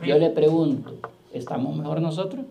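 A man pastor preaching a sermon, firing rhetorical questions at the congregation and slowing down to quote scripture. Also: fairly high pitch, creaky, muffled recording, crowd noise.

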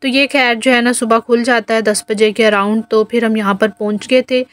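A woman's voice: fairly high pitch, fairly even intonation, normal speed. A woman in her thirties with a Pakistani accent, chatting casually through a home vlog voice-over and explaining each step with lots of fillers. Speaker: home vlogger.

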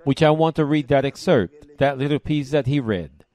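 Measured male preacher reading scripture. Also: medium pitch, a little mellow. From Puerto Rico. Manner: measured, emphatic, pauses between short phrases. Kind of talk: sermon, reading and explaining scripture. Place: church service.

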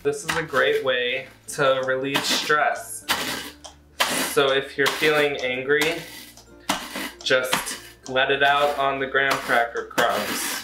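Over loud music, a young American cooking host speaks slowly and steadily in a medium-pitched voice, casually guiding a recipe at home with playful, self-deprecating remarks. A camera mic a few feet away adds roomy kitchen echo.

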